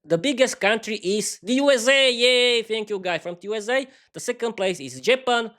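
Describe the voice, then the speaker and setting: A man's voice: sits high, expressive, fairly bright tone. Slovak man rambling on a podcast. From East Slovakia. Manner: halting non-native English with many restarts and fillers; cheerful bursts of thanks to listeners. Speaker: podcast host. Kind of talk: unscripted solo podcast ramble.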